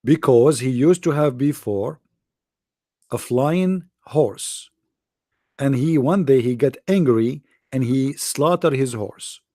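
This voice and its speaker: A sarcastic, mocking man with an Arabic accent speaks in an online religious debate. His mid-range voice is slow and dark-toned, recorded dry and close.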